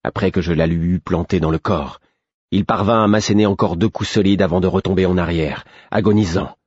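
A man narrates a first-person fantasy audiobook in a very low, husky voice, reading steadily and with measure. The recording is dry and a touch dull. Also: steady tone, fairly quick, darkish tone, no room sound.

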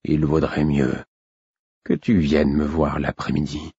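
Male reader doing a worn-out old king, very low and husky, slow faint breathy words, muffled dull sound. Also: level tone, dark tone, no room sound, full character voice. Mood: weary, fond. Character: frail dying old king, weary and fond.

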